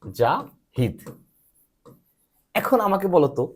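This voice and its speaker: Lively-voiced man teaching pronunciation. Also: sits high. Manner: asks frequent check questions and spells letters out slowly. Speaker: English teacher. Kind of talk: patient spoken lesson, quizzing a student.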